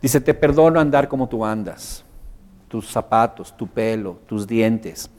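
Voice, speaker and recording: A man's voice: fairly low pitch, measured pace. A man with a Mexican accent teaching a live workshop on nonverbal communication, joking and acting out his examples to the group. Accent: Mexican Spanish. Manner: animated, joking, acts out examples. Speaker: workshop instructor. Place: workshop room with a live audience.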